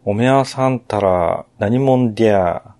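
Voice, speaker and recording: Guy putting on a smug frog emperor villain, thick nagoya dialect, dark mellow tone, game recap. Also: on the low side, slow. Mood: haughty. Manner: boastful, taunting, dialect-heavy speech.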